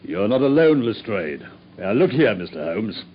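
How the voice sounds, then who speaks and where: Pushy blunt police inspector, old radio play, bit of hiss. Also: male voice, on the low side, sing-song, normal speed. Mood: impatient. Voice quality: blunt, forceful. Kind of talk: 1950s radio drama acting. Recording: dull old radio broadcast with faint hiss.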